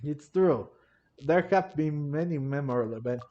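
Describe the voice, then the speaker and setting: Faint game music plays as this man, a gaming video creator, talks through his gameplay casually, hesitating as he thinks aloud and repeating himself often. His voice is on the high side and expressive at a normal speed, though the lo-fi microphone makes it sound dull.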